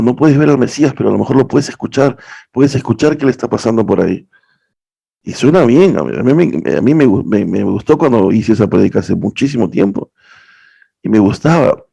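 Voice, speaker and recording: A man's voice: on the low side, creaky, mellow. A young man teaching a class on interpreting the Bible, earnest and explanatory, often checking in with a rhetorical question. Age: young adult. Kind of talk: lecture on biblical interpretation.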